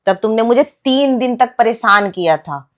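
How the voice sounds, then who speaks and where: A woman playing a young wife who confronts her cheating husband with sharp, sarcastic accusations in a comic family skit. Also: fairly high pitch, animated, moderate pace, close to an everyday voice. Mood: accusing.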